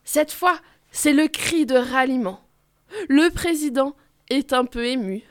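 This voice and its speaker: Slow, high-voiced woman reading a story. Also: dry recording, studio quality. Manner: expressive, animated reading.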